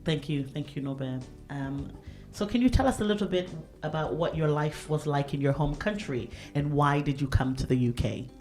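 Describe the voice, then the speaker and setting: Woman host with a deep voice, reads her intro steady and measured. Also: soft background music. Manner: measured, reading prepared text. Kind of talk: scripted introduction and interview questions.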